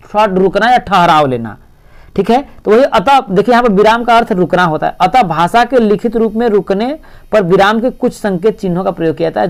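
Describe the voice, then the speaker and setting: A male teacher giving an exam-prep lecture, explaining step by step and repeating "see" often. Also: sits high.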